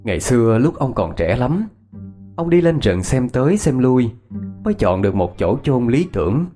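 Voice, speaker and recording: A man's voice: medium pitch, big pitch swings, normal speed, warm tone, soft background music. A man narrating a ghost story in a reminiscing storyteller's cadence.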